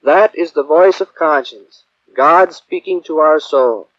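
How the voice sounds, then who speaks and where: A man from Kansas, a priest, preaching a calm, earnest sermon, heard from an old 1950 transcription record. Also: fairly high pitch, measured pace, no echo. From Kansas, USA. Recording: dull, dry old disc recording.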